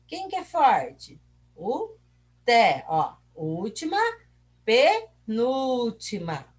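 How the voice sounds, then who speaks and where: A woman's voice: on the high side, wildly swooping pitch, extremely slow, slightly rough. A Brazilian woman teacher explaining a lesson, asking her own questions and answering them while stretching out syllables. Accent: Brazilian Portuguese. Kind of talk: recorded class lesson.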